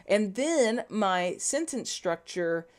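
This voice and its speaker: A Louisiana woman with a Cajun English accent chats casually through a livestream coding tutorial, reading viewer comments aloud and riffing on them. Her medium-pitched voice is very animated but slow-paced.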